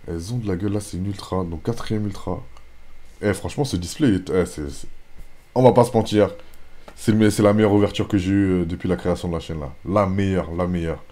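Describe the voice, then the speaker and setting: A lower-pitched French man hosts a casual pack-opening video. He rattles off card names in a plain, steady list, then breaks into quick, excited exclamations over the rare finds. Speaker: YouTuber opening card packs.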